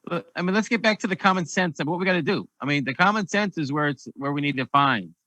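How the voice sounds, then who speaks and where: A man's voice: on the high side, lively intonation, quick pace, bright, forceful tone, dry recording, low-quality recording. A man moderating a round-table discussion, rambling and repeating words as he steers the talk. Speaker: debate host.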